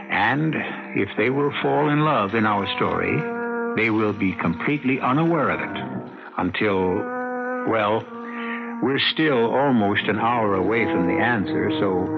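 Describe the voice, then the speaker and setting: A man hosting an old radio drama, delivering scripted narration in a deliberate, portentous manner. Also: lowish voice, gravelly. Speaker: host and announcer. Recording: dull old radio recording with music.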